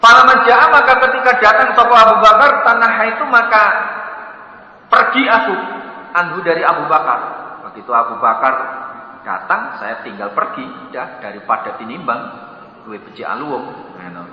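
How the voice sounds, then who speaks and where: A male religious teacher reads and explains an Arabic text word by word. His voice is high, lively and bright. It echoes through a large hall, with dull sound. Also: normal speed. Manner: animated, playful explaining. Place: dormitory hall.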